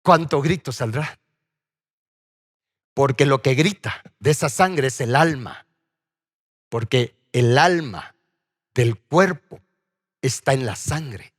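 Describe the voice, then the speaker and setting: A man's voice: medium pitch, animated, slow pace, pauses often. A man preaching a sermon as pastor, asking his congregation questions as he goes. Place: church sanctuary. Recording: church hall reverb.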